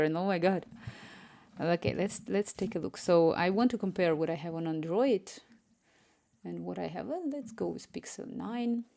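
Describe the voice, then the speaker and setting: A Ukrainian woman with a slight Spanish lilt speaks in a lowish, creaky, mellow voice. She's an app developer live-streaming from a room at home, chatting casually while she codes, chatty and distracted, reading the chat aloud and murmuring to herself.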